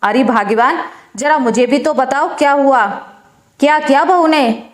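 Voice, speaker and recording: A calm, wise old father-in-law, as a woman storyteller puts him on, gently lectures in a high, even voice. The recording carries a roomy echo. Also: measured pace. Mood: calm advice.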